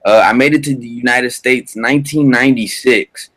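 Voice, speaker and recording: A man's voice: mid-range voice, normal speed, a bit bright. A man in his thirties, originally from Colombia, giving a casual sales presentation over a video call in a loose, filler-heavy way. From Bogota, Colombia. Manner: loose, filler-heavy, repeats "all right, perfect". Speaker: business presenter.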